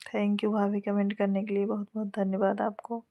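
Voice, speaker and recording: A woman's voice: medium pitch, completely flat delivery, moderate pace, lo-fi sound. A woman with an Awadhi accent, a folk singer hosting a live stream, chatting casually and affectionately with viewers, greeting and thanking them by name. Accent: Awadhi Hindi.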